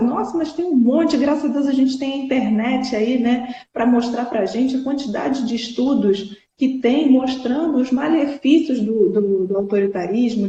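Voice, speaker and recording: A woman talks earnestly in a live chat, often stopping to restart a thought. Her voice is mellow and dark. The sound is dull and lo-fi, with a roomy echo around it. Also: fairly high pitch. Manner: earnest, many fillers and restarts, rising emphasis. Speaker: host. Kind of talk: casual live chat on parenting. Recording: dull lo-fi echoey room.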